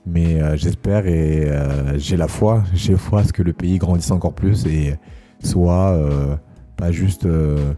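Low, mellow-voiced man in his thirties. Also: slow, faint music behind. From Congo, Kinshasa. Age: 30s. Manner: relaxed, hesitant, many fillers. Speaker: co-host of a couple's channel. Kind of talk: casual chat.

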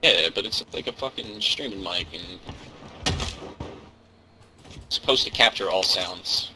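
A man's voice: deep voice, slow pace, noisy background. A man in casual, profane squad chat during a game, with a teasing storytelling manner. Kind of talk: casual profane gaming banter.

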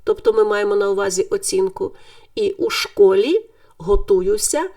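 Female teacher, lively pitch, slightly gravelly, a bit distant from the mic. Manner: clear, deliberate, stresses word endings. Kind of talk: scripted grammar lesson.

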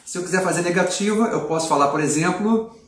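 A middle-aged man teaches a relaxed video lesson and lays out each point patiently and clearly. His voice sits a bit high for a man. It carries the echo of a room and sounds set back from the mic. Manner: clear, patient explaining with slow model sentences. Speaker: English teacher. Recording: echoey room, mic at a distance.

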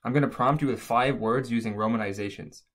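A man's voice: mid-range voice, a little fast, a bit bright. A man narrating an instructional language lesson as a teacher, explaining things step by step.

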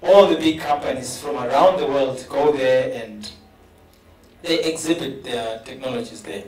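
Captured from afar in a spacious hall, this professor talks into a handheld microphone during a panel discussion. He has a South African English accent and a mid-range, slightly mellow voice at normal speed, and he speaks with earnest conviction, repeating words as his argument takes shape.

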